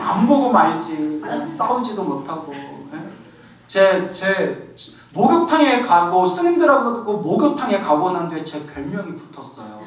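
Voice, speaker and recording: A male Buddhist monk delivers a humorous sermon with a lively, playful storytelling manner. His pitch moves a lot, and his voice rings through a very reverberant temple hall, picked up from a distance. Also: measured pace, slight background noise. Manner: animated, playful. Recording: echoey hall, distant mic.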